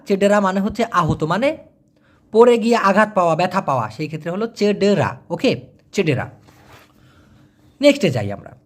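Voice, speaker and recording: Male language teacher, lively, repeats and spells each word. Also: sits high. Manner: explains slowly, spells out letters, repeats words. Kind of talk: casual vocabulary lesson.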